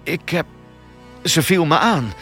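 A man's voice: medium pitch, lively intonation, normal speed, soft background music, lightly acted. A man voicing a frightened young woman who stammers and cries out frantically. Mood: desperate. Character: terrified young woman, a runner, pleading.

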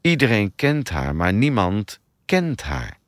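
A level-headed male police detective, read by a man, speaking plainly and matter-of-factly. The voice sits fairly low but moves a lot in pitch. The sound is dry and close, with faint music underneath. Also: sing-song, moderate pace, dry recording.

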